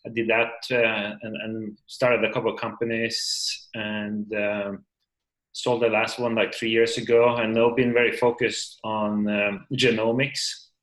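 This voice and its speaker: A man's voice: fairly low pitch, level tone, measured pace, fairly bright tone, low-quality recording. A man from Norway, introducing himself at an online meeting in a casual, hesitant way full of fillers, over a video call. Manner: hesitant, many fillers and restarts.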